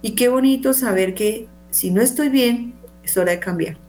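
A woman's voice: fairly high pitch, normal speed, a little mellow. A woman, a pro-life counselor, speaking fervently about faith and asking rhetorical questions with a frequent checking "¿sí?". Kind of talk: religious talk, testimony.

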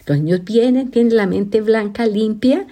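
Woman presenter; warm, mellow and earnest. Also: fairly high pitch, a little slow. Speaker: host. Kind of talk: casual presenter talk.

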